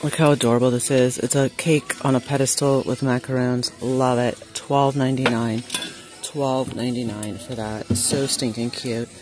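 A woman filming a shop-with-me vlog in a large store on a handheld phone, chatting excitably and reading prices aloud. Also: a bass voice, normal speed, faint music behind. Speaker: vlogger. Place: large indoor retail store. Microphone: handheld phone camera.

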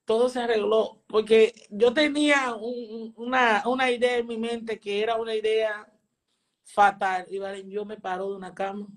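A woman's voice: fairly high pitch, steady tone, normal speed. A woman, a spiritual teacher telling a personal testimony and earnestly repeating phrases for emphasis.

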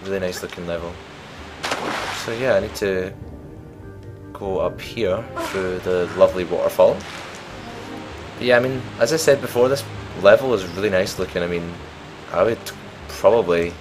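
Deep-voiced guy narrating gameplay. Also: normal speed, over music. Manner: chatty, rambling, self-mocking. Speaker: let's play gamer. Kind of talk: casual gameplay commentary.

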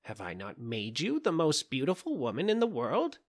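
A man voicing a croaking, scheming old witch in an audiobook fairy tale, giving sly warnings. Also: mid-range voice, huge pitch swings, moderate pace, pitched above the performer's own voice. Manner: warning, coaxing.

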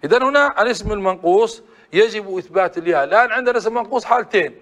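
A man's voice: high-pitched, lively intonation, rapid-fire, a bit bright. A man teaching a classroom grammar lesson, often asking the class short prompting questions. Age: adult.

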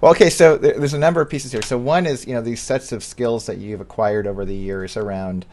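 A male podcast host interviews a guest in a relaxed conversation. He gropes for his words, stalls on ums and repeats himself as he builds long questions. His voice sits at an ordinary middle pitch. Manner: halting and searching for words, with many ums and repeated words.

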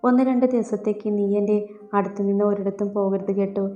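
A frail old grandfather in an audiobook story, read by a woman, weak and halting as he pleads softly. The voice is dark and even in pitch, recorded in a roomy, dull setting with soft music underneath. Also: close to an everyday voice. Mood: tender. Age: older.

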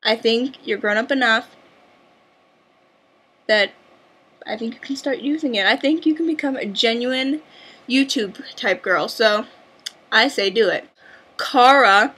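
A woman's voice: on the high side, unhurried, pauses often, bright, forceful tone. A young woman vlogger chatting casually and bubbly, with lots of filler words. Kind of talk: casual chat.

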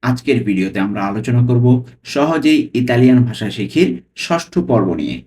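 Man slowly teaching phrases word by word. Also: mid-range voice, expressive, a little mellow. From Bangladesh. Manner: repeats phrases slowly word by word, checks in with "okay?". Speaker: language tutor. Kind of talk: spoken lesson, Italian phrases explained in Bengali.

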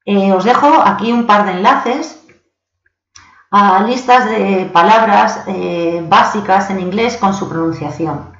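A woman from Spain, an English teacher, giving a patient recorded lesson, slowing down for examples and often checking in with her learners. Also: medium pitch, fairly bright tone. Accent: Spanish from Spain. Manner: patient, slows down to read example sentences. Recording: echoey, dull lo-fi home recording.

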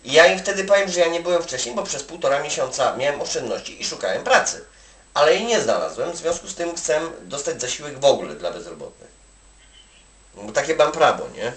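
In a fairly high, sing-song and a bit bright voice, speaking a little fast, a man from Poland gives an acquaintance advice over the phone. He's a migrant worker, and his one-sided, casual chat rambles colloquially with plenty of "you know" tags, recorded in an echoey room at a distance from the mic.

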